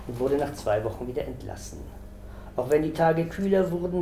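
Gravelly man reading a novel aloud. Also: medium pitch, dark tone, a little hiss or hum. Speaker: reader. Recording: echoey room.

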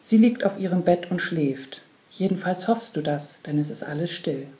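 A woman narrating a literary story in a quiet, measured way. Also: lowish voice, lively intonation. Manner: quiet, measured second-person telling. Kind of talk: literary reading.

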